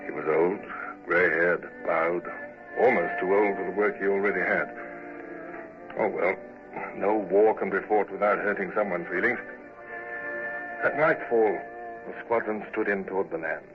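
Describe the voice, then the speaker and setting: An actor playing a commanding, self-doubting British naval commander and narrator in an old-time radio drama, speaking formally. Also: male voice, deep voice, steady tone, moderate pace, long pauses, music in the background, lightly acted. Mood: reflective. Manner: formal, crisp orders and introspective asides. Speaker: lead actor and first-person narrator. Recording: muffled, noisy old radio recording.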